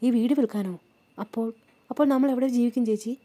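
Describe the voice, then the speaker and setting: A woman's voice: mid-range voice, steady tone, fast talker, dark tone, lightly acted. A woman voicing a hurt, tearful teenage schoolgirl who complains and questions. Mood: alarmed.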